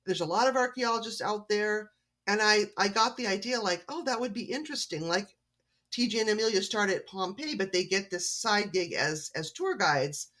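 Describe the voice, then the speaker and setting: A woman's voice: mid-range voice, expressive, moderate pace, a bit bright. A woman from Canada, an author being interviewed on a podcast, chatting in a friendly, storytelling way. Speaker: author guest. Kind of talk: casual interview chat.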